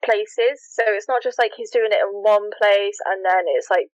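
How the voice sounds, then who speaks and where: An animated woman co-hosting a casual podcast, eager to tell her story. Her voice sits at an ordinary middle pitch. The recording is dull, lo-fi and very dry. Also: moderate pace, dry recording. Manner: animated, laughs often. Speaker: podcast co-host. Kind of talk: casual chat.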